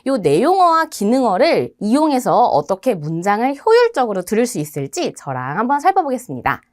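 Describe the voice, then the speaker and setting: Young woman teacher in a studio, voice swoops up and down a lot, quick rhetorical questions. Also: fairly high pitch. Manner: animated teacherly delivery, rhetorical questions answered herself. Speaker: TOEIC listening instructor. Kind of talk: studio video lecture. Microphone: studio microphone.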